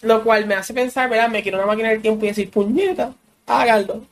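A man's voice: high voice, steady tone, rapid-fire. A man co-hosting a casual podcast chat, musing and thinking aloud as he talks. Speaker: podcast co-host.

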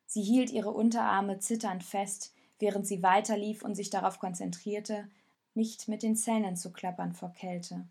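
A woman calmly narrating a storybook in measured audiobook style. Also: medium pitch, vocal fry, breathy edge.

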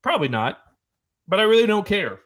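A brash male wrestler taunts his rival in a defiant promo, as a commentator puts him on. The voice runs a little high and mocking. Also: sing-song, fairly quick, a bit bright, full character voice.

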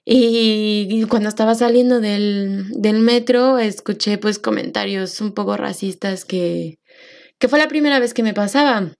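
A woman's voice: medium pitch, a little slow, a little mellow. Young woman, Mexican accent, solo podcast host, reflective, fillers and restarts. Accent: Mexican Spanish. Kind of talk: personal monologue podcast.

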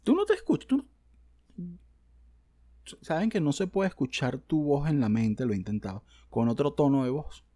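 A man with a Venezuelan accent doing a profane comedic rant. He sounds exasperated and crude, swinging from mutters to shouts. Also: mid-range voice, normal speed, pauses often, no echo, clean studio sound. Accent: Venezuelan Spanish.

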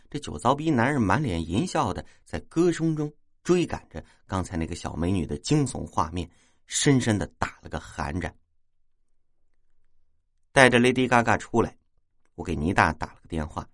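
A man telling a first-person ghost story in a wry, lively way. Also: lowish voice, dry recording, studio quality.

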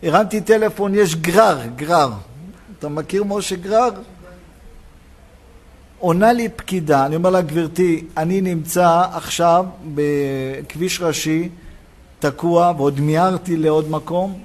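A rabbi preaching a sermon in a synagogue, telling a personal story and acting out the dialogue. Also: male voice, a little high. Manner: animated storytelling, acts out dialogue.

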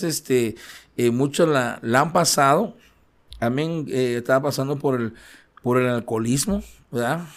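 Halting Central American man sharing his story. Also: medium pitch. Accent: Central American Spanish. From Guatemala, raised in El Salvador. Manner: hesitant, full of fillers and tag questions. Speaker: interview guest. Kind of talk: personal testimony in an interview.

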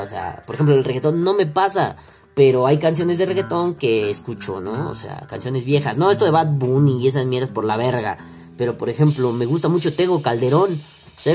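A man's voice: on the high side, a little mellow. A young Mexican man with a Mexican accent, telling a story in a crude, slang-filled, rambling vlog monologue. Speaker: vlogger.

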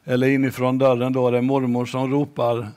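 A man preaching a sermon slowly and emphatically, at times dropping to a near-whisper. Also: mid-range voice, monotone, a little mellow.

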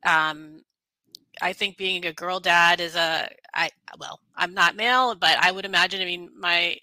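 A woman's voice: fairly low pitch, fairly even intonation, unhurried, sharp tone, dry recording, poor audio. A woman hosting a conversational interview, thoughtful and hedging with frequent fillers. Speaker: podcast host.

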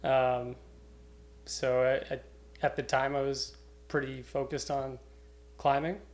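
Speaking slowly with little pitch movement, the young climbing route setter from Cape Breton, Canada, keeps things casual as a podcast guest. His medium-pitched voice carries a loose, informal manner, complete with offhand swearing.

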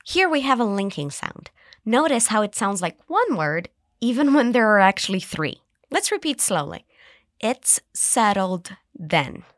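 Woman host, English teacher, animated pitch, dry close mic, spells out phrases slowly. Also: no echo. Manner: cheerful, slow model phrases to repeat. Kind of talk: scripted language lesson.

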